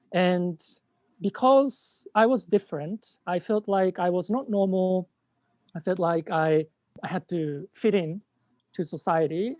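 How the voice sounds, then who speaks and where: A man's voice: high-pitched, a little mellow, no room sound. A man from Japan in his thirties, a social entrepreneur telling his personal story as an interview guest. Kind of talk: interview answer. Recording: dull lo-fi audio.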